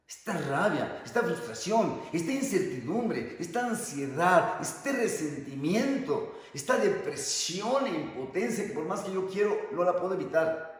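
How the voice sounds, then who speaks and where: A priest in his sixties giving a sermon, emphatic and drawing out key words slowly. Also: sits high. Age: 60s. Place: church. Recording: echoey church with long reverb.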